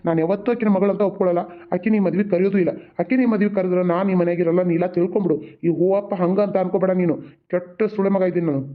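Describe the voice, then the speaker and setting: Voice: medium pitch, fairly even intonation, lightly acted. A voice actor playing a stern, middle-aged village man who heads the family and scolds sharply. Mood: threatening. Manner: scolding, rapid. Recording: tinny, phone-like audio.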